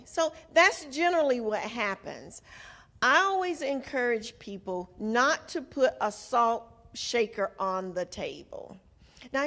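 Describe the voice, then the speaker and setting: A woman with a Southern American accent presents an informal nutrition workshop to a group in a folksy, conversational way, checking in with her listeners through questions. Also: medium pitch. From Southern United States. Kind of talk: informal health talk to a group.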